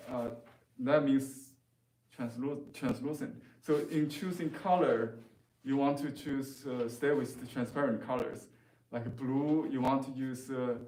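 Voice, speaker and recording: A man who speaks natively gives an informal painting lesson. His delivery is slow and hesitant, with frequent searching for the right word. The room adds clear echo and he sounds a little distant from the microphone. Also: mid-range voice, darkish tone. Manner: halting, hesitant, searching for words. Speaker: painting teacher. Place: classroom, indoors. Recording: roomy echo, voice off the mic.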